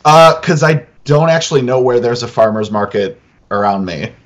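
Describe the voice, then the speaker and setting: A man's voice: medium pitch, expressive, moderate pace. A man joins a podcast call as a guest. He speaks in a shy way and breaks into small chuckles, with a mid-range voice heard over a video call. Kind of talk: casual chat on a video call.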